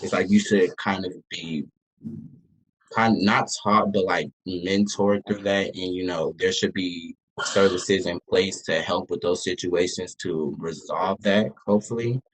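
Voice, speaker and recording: A young man speaks in a low voice, sharing a personal account in casual group talk. His R's are mispronounced, sounding like W's. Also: steady tone, unhurried, husky, poor audio. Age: young adult. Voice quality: can't pronounce R, says w for r.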